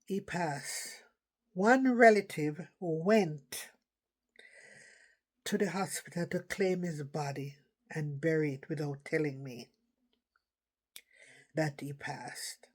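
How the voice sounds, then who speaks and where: A woman's voice: sits low, slow, pauses often, darkish tone. A middle-aged woman telling a personal story in a casual, rambling way, often circling back with "anyhow".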